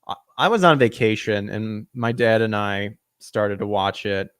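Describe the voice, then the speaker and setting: Fairly low and a little slow, his voice is clear and resonant, recorded with studio quality and no echo. As a podcast host he reads news stories aloud, ridiculing them with sarcasm, cracking himself up and stumbling now and then.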